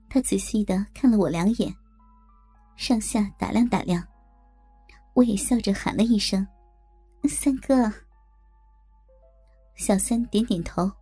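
A woman tells a first-person adult story in a husky, mellow voice, coy and teasing. Soft music plays faintly under her. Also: mid-range voice. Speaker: narrator.

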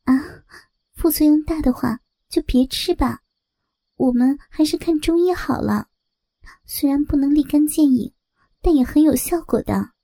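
A woman voicing a gentle, yearning young wife in a soft, breathy voice for a spoken story. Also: sits high, unhurried, no echo, studio quality.

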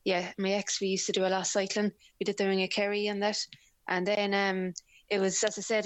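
A woman's voice: medium pitch, dry recording. A woman from County Leitrim with a west of Ireland accent, chatting and telling anecdotes casually as an interview guest. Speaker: interview guest, amateur cyclist. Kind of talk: casual conversational storytelling.

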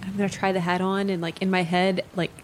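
A woman's voice: lowish voice, little pitch movement, fast talker, a little hiss or hum. A woman playing in a tabletop game, giggly and hesitant as she talks in character. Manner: giggly and hesitant, many fillers. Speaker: player. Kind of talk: casual tabletop role-play.

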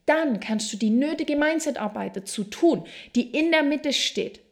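Gravelly-voiced woman hosting a self-help podcast. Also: high-pitched, lively intonation. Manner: speaks directly to the listener, slow and emphatic in places. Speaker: podcast host.

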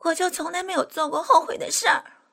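A woman voicing a furious young woman who shouts her indignation in an audiobook scene. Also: very high voice, fairly even intonation, fast talker, gravelly, pitched above the performer's own voice, full character voice. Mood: defiant. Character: furious young woman, scorned ex-lover, shrill. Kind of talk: audiobook character voice.

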